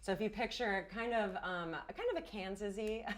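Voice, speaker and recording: A woman running a fantasy tabletop RPG as game master tells the story playfully and theatrically from an indoor studio set. She has a mid-range voice and a moderate pace.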